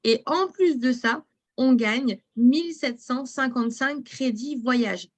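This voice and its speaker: Chatty woman with a higher voice. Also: takes it slowly. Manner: chatty, talks straight to viewers and reads chat messages aloud. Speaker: presenter of a travel booking platform. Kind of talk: live online product demo.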